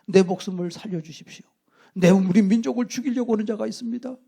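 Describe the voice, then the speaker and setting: A man's voice: sits high, fast talker, creaky, mellow, slightly rough, full character voice. A man voicing a young queen who earnestly pleads for her life in a sermon retelling. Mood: pleading.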